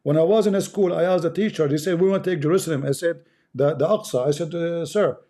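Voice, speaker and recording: On his livestream, a man from the Middle East, a native Arabic speaker, preaches a fervent religious monologue in English with an Arabic accent. His voice is on the high side, quick, and dark in tone, and he hammers points home by repeating phrases.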